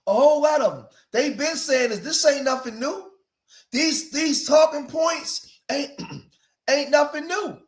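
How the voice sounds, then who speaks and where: High-voiced East Coast livestream host. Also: male voice, unhurried. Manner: talks to his viewers, repeats phrases to drive points home. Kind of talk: casual commentary livestream. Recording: echoey room.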